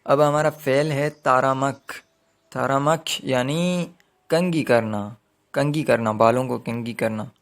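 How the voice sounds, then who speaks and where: A man with a Pakistani Urdu accent teaching a grammar lesson, speaking deliberately and repeating each example with frequent hesitations. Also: medium pitch. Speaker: language teacher. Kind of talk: slow grammar lesson explanation.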